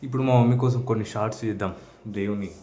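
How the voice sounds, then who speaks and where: A man's voice: on the low side, fairly even intonation, rapid-fire, dark tone. A man chatting casually in a home vlog, joking and making asides to the camera. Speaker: vlogger. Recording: echoey room, faint background noise.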